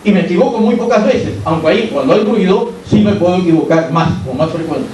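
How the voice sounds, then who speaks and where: A fairly high-pitched man with a Peruvian Spanish accent lectures to a class and often checks in with rhetorical questions. His voice goes through a sound system and reaches the mic from across an echoey hall. A faint hiss runs underneath. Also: animated, fast, a little mellow, far from the mic. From Peru. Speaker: university lecturer. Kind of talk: academic lecture. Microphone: amplified by a sound system, recorded from the room.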